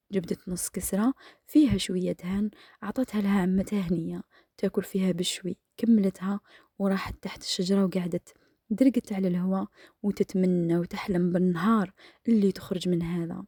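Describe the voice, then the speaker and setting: A woman with an Algerian accent telling a dramatic story in a hushed, half-whispered voice while cooking, close to the mic. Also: medium pitch, slightly rough, no echo. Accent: Algerian Arabic.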